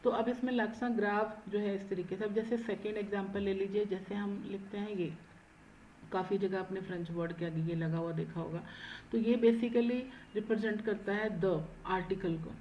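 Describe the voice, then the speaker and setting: Mellow-voiced woman teaching French. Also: medium pitch, steady tone, slight background noise, low-quality recording. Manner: stresses each word slowly for clarity; mixes Hindi and English, frequent "है ना". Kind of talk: online lecture explaining accent marks.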